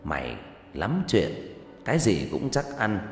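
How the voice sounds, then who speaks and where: A man's voice: on the low side, wildly swooping pitch, unhurried. A man voicing a kindly old male spirit medium who scolds with good humor. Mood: gruff teasing. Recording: echoey room with faint music.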